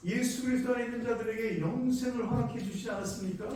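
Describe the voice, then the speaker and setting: A man's voice: extremely high pitch, steady tone, quick pace, darkish tone. A male pastor preaching a sermon, emphatic, full of rhetorical questions. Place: church prayer room. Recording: very echoey room, far mic, faint hiss.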